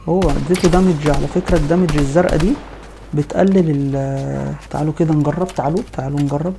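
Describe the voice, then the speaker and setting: A man with an Egyptian Arabic accent giving excited live commentary over his own gameplay, piling up quick repeated exclamations. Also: fairly high pitch, creaky, a little hiss or hum. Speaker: gaming video host.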